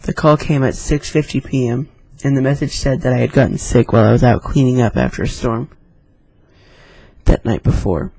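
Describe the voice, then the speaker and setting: A man's voice: medium pitch, moderate pace, creaky, a little mellow, husky. A man casually reading scary stories aloud, with chatty, rambling asides between them. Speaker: YouTube storyteller.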